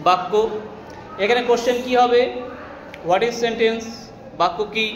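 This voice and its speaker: A Bengali-accented man teaching a class, with a high voice that rings around an echoey classroom. The long reverb trails after each phrase and faint noise hums underneath. He explains step by step and quizzes his students as he goes. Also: fairly even intonation. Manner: explains slowly, asks students questions and answers them himself. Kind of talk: classroom English grammar lesson.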